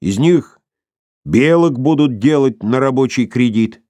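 A man reading an audiobook voices a crude, cowed young man with a hoarse, rasping voice. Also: medium pitch, expressive, measured pace, dark tone, dry recording, voice pushed up, close to an everyday voice. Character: coarse crude young man, former dog. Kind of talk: audiobook character voice.

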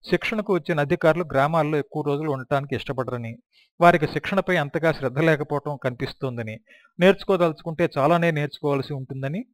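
A man's voice: a little high, no echo, studio quality. A man reading a first-person memoir aloud as an audiobook, in a reflective storytelling manner. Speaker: audiobook narrator.

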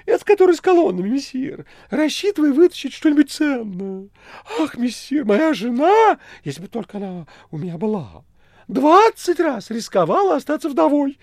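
Хвастливый толстый кот-демон тараторит пронзительно и театрально, будто задыхаясь. Голос с хрипотцой, звук сухой, без эха. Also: male voice, moderate pace, no room sound, clean studio sound, exaggerated voice. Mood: boastful. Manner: shrill, breathless, theatrical excitement. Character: boastful fat demon cat-man, excitable. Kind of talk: audiobook reading.

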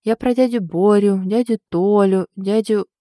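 A woman's voice: mid-range voice, measured pace, dark tone, dry recording, clean studio sound, close to an everyday voice. A woman voicing a sly joking ex-soldier man. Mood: teasing. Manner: mocking, playful.

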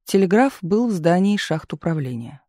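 A man reading a novel aloud in an even, measured narrating voice. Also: high-pitched, no room sound, studio quality. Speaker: audiobook reader. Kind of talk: scripted narration.

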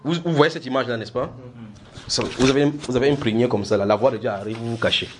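A man preaching and teaching from the Bible, repeating words and putting questions to his listeners. He presses his points with lively energy. His voice is medium-pitched, with faint background noise. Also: fast talker. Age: adult.

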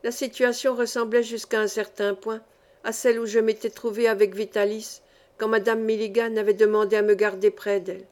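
A woman with a slightly high voice reads a classic novel aloud. Her narration is calm and measured, in steady storytelling. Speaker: audiobook reader.

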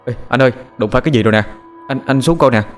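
A man voicing a timid young man who is easily frightened, speaking in a high, pleading, panicky voice. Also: fast talker, a little mellow, faint music behind, lightly acted. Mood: worried.

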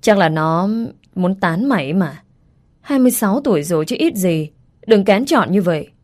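A woman's voice: fairly low pitch, expressive, moderate pace, darkish tone. A woman voicing a chatty, prodding middle-aged village aunt.

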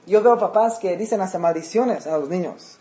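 A man's voice: high-pitched, animated, normal speed, warm tone. A male pastor preaching a sermon in a conversational way, often checking in with his listeners and dropping in English words. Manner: conversational preaching with frequent check-ins to the congregation; mixes English words into Spanish.

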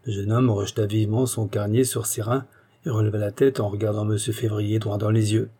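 A man reading a classic novel aloud as an audiobook narrator, in a measured, even storytelling manner. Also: on the low side.

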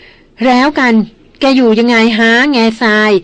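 A woman's voice: mid-range voice, moderate pace, darkish tone, natural voice. Woman reading as a stern veteran jungle hunter. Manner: curt and commanding. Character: stern grown man, a seasoned jungle hunter.

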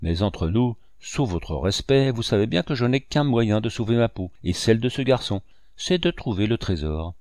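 A wily pirate cook, deferential and wheedling, as a male reader puts him on. The voice is fairly low and the sound is close and dry. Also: animated, moderate pace, darkish tone, no echo. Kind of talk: audiobook dialogue reading.

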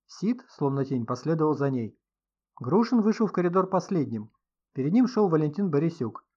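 A man narrating a mystery audiobook in a steady storytelling voice. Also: fairly high pitch, normal speed, slightly rough, muffled recording. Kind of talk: scripted narration.

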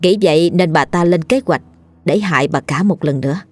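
Low-voiced woman reading a ghost story. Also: brisk, no echo, faint music behind. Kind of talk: scripted ghost story narration.

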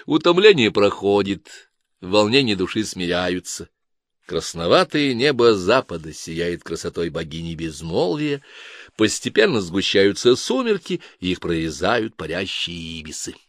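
Low-voiced male audiobook narrator. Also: big pitch swings, measured pace, no echo, studio quality.

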